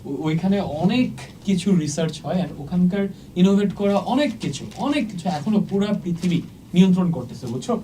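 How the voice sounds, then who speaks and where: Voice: medium pitch, animated, fairly quick, dark tone, distant mic, slight background noise, rough recording. A teacher giving an exam-prep lecture while writing on a board, often asking the class if they follow and mixing English words into the talk. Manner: checks in often with "okay?"; mixes English words into speech.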